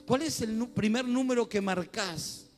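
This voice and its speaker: High-voiced Rioplatense pastor preaching. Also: male voice, unhurried, faint music behind. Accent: Rioplatense Spanish. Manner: conversational preaching with rising fervent swells. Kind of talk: sermon. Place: church.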